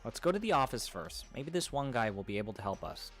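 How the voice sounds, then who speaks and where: A man reads a visual novel's dialogue aloud, jumping between character voices and overdone accents. His own voice sits at a middling pitch. Faint game music plays underneath him. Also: big pitch swings, fast, a bit bright. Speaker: let's play host reading game dialogue aloud.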